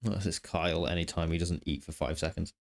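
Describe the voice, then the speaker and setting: A man's voice: low-pitched, fairly even intonation, fast, vocal fry. A man streaming a game live, throwing in crude joking asides. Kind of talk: live gameplay commentary.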